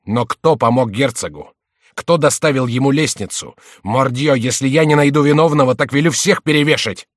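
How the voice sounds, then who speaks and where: A man's voice: lowish voice, moderate pace, dry recording, clean studio sound, close to an everyday voice. A man voicing a distraught, hot-tempered male king in an audiobook, wailing and ranting. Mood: furious.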